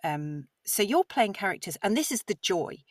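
A woman's voice: medium pitch, sing-song, normal speed, no echo. A woman who narrates audiobooks, explaining her craft with enthusiasm in a podcast interview. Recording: slightly distant mic, dry sound.

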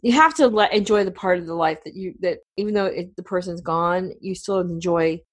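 A woman's voice: on the low side, brisk. Chatty middle-aged woman telling stories. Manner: chatty, storytelling, many fillers. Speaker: radio show co-host. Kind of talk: casual chat.

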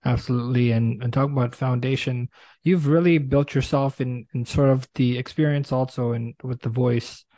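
A man from Brooklyn with an American accent, interviewing on a podcast in an effusive, halting way. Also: mid-range voice, fairly even intonation, mellow, dry recording. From Brooklyn, New York. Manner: effusive, halting delivery with repeated words.

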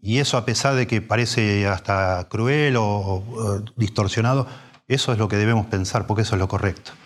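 A man's voice: on the low side, moderate pace. A man, preaching a sermon in a conversational way, full of restarts and rhetorical questions.

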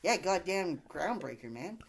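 A man's voice: high-pitched, big pitch swings, a little slow, gravelly, husky. A man from Canada, a podcast guest, telling loose stories in casual chat with lots of swearing and filler words.

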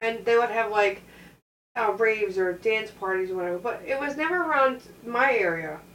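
A woman's voice: on the high side, normal speed, fairly bright tone, reverberant, distant mic, a little hiss or hum, poor audio. A woman in her forties chatting casually, blunt and outspoken with offhand swearing. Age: 40s. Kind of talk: casual chat.

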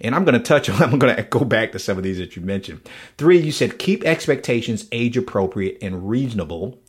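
A man hosts an interview show and recaps his guest's points in an earnest, eager way. He often repeats words as he talks, and his voice is husky and somewhat breathy at a mid pitch. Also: animated, fairly quick. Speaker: podcast host. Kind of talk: conversational interview.

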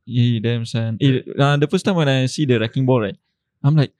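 A man's voice: mid-range voice, a little fast, darkish tone, no echo. Rambling Singaporean-Malaysian man, dry sound. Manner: rambling, filler-heavy, sweary storytelling. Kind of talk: casual chat in colloquial Malaysian-Singaporean slang English.

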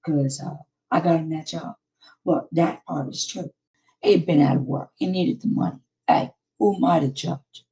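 This is a sleazy, conniving office gossip as a woman puts her on in a comedy sketch. Her voice is hoarse and kept low and conspiratorial, as if sharing something shameful. She sounds unbothered by her own scheming. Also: dark tone, low-quality recording. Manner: conspiratorial, confiding to listeners in a lowered voice.

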